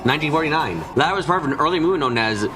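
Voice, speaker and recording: This fan dub narration of a mystery visual novel comes from a streamer reading very fast in a medium-pitched voice with lively intonation. Music plays underneath, and there are minor stumbles and repeated lines.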